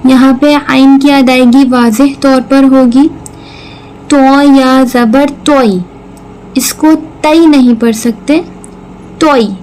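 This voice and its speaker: A woman's voice: high voice, fairly even intonation, slow pace, a little mellow, a little hiss or hum, rough recording. A woman teaching Quran recitation, patiently explaining each sound step by step and repeating words. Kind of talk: slow tajweed lesson with recitation.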